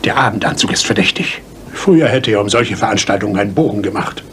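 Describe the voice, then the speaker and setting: An actor playing a dutiful, easily astonished police inspector in a radio play. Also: male voice, fairly low pitch, fast talker, a bit bright, slight background noise, close to an everyday voice. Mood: puzzled, dutiful. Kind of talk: German radio play acting.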